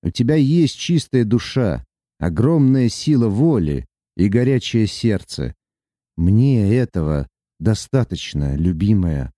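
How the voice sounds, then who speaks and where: A man voicing a reserved lover who speaks low, slowly and tenderly. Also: sing-song, no echo, studio quality, full character voice. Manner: low, slow, quiet and tender.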